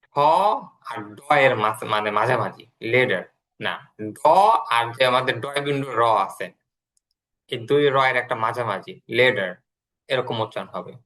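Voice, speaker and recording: A man teaching an English class over an online call. His voice is bright and forward at a medium pitch. He explains step by step and repeats words so the students can follow. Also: moderate pace, poor audio.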